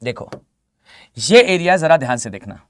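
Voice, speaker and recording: A man's voice: a little high, big pitch swings, moderate pace, dry recording, studio quality. A male geography teacher giving a live exam-prep lecture in a conversational, repetitive way with many fillers. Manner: conversational, repeats himself, lots of fillers.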